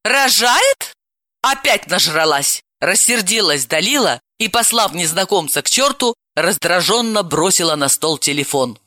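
A woman narrating a novel in an expressive, brisk storytelling manner. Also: fairly low pitch, dry recording, clean studio sound. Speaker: audiobook narrator. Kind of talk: scripted narration.

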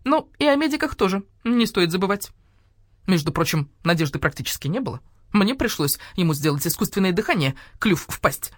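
A woman's voice: sits low, animated, brisk, slightly rough, no echo, studio quality. A woman voicing a grumbling, fussy male rook doctor.

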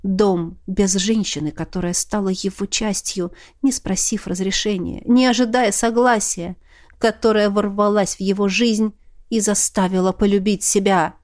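A woman reading a novel aloud in a measured, expressive narration. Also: mid-range voice. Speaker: audiobook reader. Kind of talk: scripted narration.

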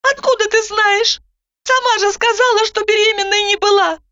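A woman voicing a frightened young pregnant woman who pleads in a high, panicky voice, on a dull lo-fi recording. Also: level tone, moderate pace, bright, forceful tone, no echo. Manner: shrill, panicky, lisping out protests.

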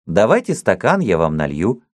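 A man voicing a cheerful young gentleman speaking lightly and politely. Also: deep voice, huge pitch swings, normal speed, no room sound, studio quality.

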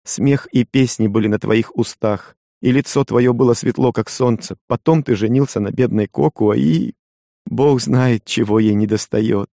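A man's voice: mid-range voice, normal speed, vocal fry, warm tone, dry recording, clean studio sound, pitched above the performer's own voice, lightly acted. A man voicing a loving, resolute young island woman who speaks earnestly and pleads with feeling. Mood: reproachful.

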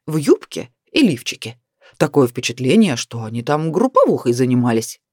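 A woman's voice: extremely low pitch, very animated, moderate pace, a little mellow, husky, dry recording, studio quality, pitched below the performer's own voice, exaggerated voice. A woman reading the part of a jovial middle-aged husband who mocks and then turns defensive. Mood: amused. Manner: mocking, wry storytelling.

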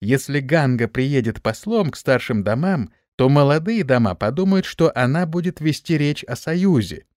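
A man reading an audiobook, voicing a sly, bold young male hero in a brash, lively tone. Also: medium pitch, normal speed, few pauses, dry recording, clean studio sound, pitched above the performer's own voice, close to an everyday voice. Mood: scheming.

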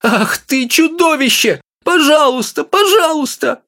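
A man reading an audiobook and voicing a small, excitable older woman who scolds in a shrill voice. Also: measured pace, exaggerated voice. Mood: shrill pleading.

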